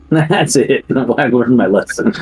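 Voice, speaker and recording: Man player, mid-pitched, breathy, jokes and laughs a lot, faint music behind. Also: expressive, takes it slowly, a little mellow, poor audio. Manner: laughs often, joking and rambling. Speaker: tabletop game player. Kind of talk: casual chat between players.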